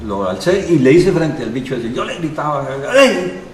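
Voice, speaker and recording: A man's voice: a little high, brisk. Older Costa Rican man telling a story. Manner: lively storyteller who acts out quoted dialogue. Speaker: interview guest. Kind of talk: anecdotal storytelling. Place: live show recording. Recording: roomy and distant, with background noise.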